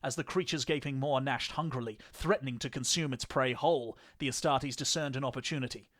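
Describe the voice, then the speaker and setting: Brief: male narrator, dry close sound, steady epic storytelling, mid-range voice. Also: medium pitch, dry recording. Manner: measured, grandiose storytelling. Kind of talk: fan fiction audiobook reading.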